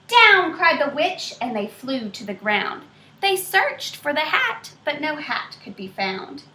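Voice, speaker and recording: Woman, picture-book reading, expressive, high bright voice, roomy echo. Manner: expressive, pausing to quiz young listeners. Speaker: storybook reader.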